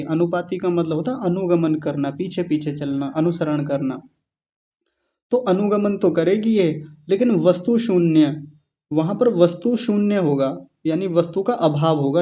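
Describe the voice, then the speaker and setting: A male teacher giving an online class lecture on yoga philosophy, patiently explaining Sanskrit terms and slowing down to spell them out. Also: fairly high pitch, mellow. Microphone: video call. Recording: dull lo-fi video call audio.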